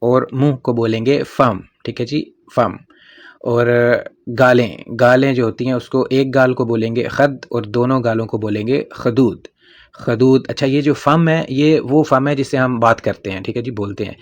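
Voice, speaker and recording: A man with a Pakistani accent teaching vocabulary in a casual spoken lesson, patiently repeating each word and often pausing with fillers. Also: mid-range voice, fairly even intonation. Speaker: language teacher.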